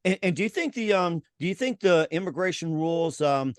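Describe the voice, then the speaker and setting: A man's voice: fairly high pitch, animated, a little fast, clean tone, no room sound, clean studio sound. A man hosting an interview who asks long, rambling questions full of fillers. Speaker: host. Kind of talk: interview host.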